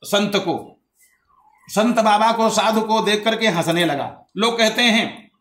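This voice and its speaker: A male storyteller tells a devotional tale with animated delivery and chants Sanskrit verses. His voice is high and bright. The room adds a noticeable echo. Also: slow. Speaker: katha storyteller.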